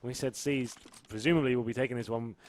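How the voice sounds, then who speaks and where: A man's voice: mid-range voice, fairly even intonation, quick pace, slight background noise. A man casting a game casually, joking and bantering with co-hosts. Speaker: esports caster.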